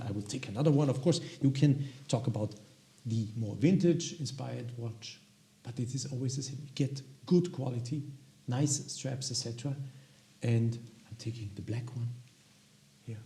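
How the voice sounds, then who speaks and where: Gravelly, mellow Austrian-accented man. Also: medium pitch. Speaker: watch review video host. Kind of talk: casual product presentation to viewers.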